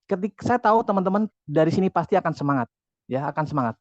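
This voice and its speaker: Male motivational speaker, energetic and repetitive, keeps addressing his audience; a bit high-pitched, dull, dry lo-fi sound. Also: fast, no echo. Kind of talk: motivational talk to an online audience.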